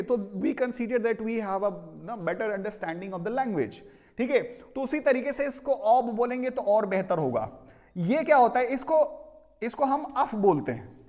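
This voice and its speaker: Casting: male English teacher with an Indian accent, very high voice, steady classroom explaining, long room reverb. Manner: explains with repeated "theek hai" check-ins, mixing Hindi and English. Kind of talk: classroom pronunciation lesson.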